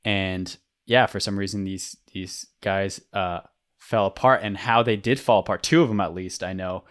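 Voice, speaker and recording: A man's voice: low-pitched, fairly even intonation, moderate pace, fairly bright tone. A young man telling a story in a casual podcast chat, rambling with lots of fillers and restarts. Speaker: podcast host.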